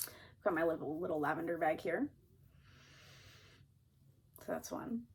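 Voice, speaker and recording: Calm woman guiding a grounding exercise, background noise. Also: low voice, unhurried, creaky. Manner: calm, gently instructing. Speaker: therapist teaching a technique.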